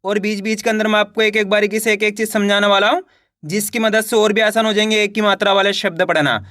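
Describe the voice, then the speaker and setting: A man's voice: high voice, steady tone, quick pace, pushed and bright, no room sound, clean studio sound. A male teacher running a reading lesson, sounding out syllables one at a time, then saying each whole word and asking listeners to repeat after him.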